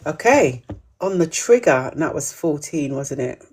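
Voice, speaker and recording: A woman's voice: sits low, big pitch swings, a little slow, a little mellow, breathy edge. A woman hosting a live quiz, reading each question twice and reacting to viewers' comments in a chatty way. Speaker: host of a live menopause quiz.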